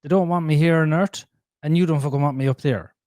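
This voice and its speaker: A man telling his life story as a podcast guest, blunt and animated, swearing freely. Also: a little high, fast, dry recording. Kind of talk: candid conversational storytelling.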